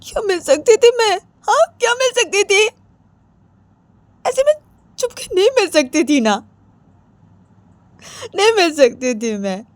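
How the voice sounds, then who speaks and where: A woman voicing a hurt young woman who cries while scolding her girlfriend, in a high, tearful voice. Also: expressive, a little slow, long pauses, no room sound. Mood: tearful anger. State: crying.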